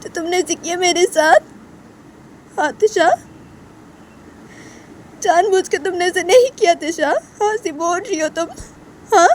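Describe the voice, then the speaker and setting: Ek aurat ki awaaz mein roti hui gussail ladki, baar baar sawaal, high pitch. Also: female voice, unhurried, long pauses, a little hiss or hum. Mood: tearful furious. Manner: sobbing, repetitive scolding questions. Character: hurt, tearful young woman, angry and unforgiving.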